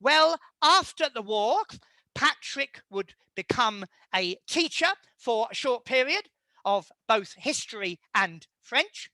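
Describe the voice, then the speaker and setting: Male lecturer, bright forward voice, dry close sound, measured delivery with many hesitations. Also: very high voice, animated, no echo. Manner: measured, halting with frequent fillers. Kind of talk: illustrated history talk.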